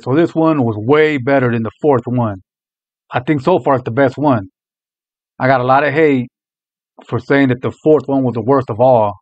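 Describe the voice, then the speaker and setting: A man's voice: mid-range voice, dry recording. Young male reaction host, opinionated and profane, casual delivery, very little room sound. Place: small room indoors.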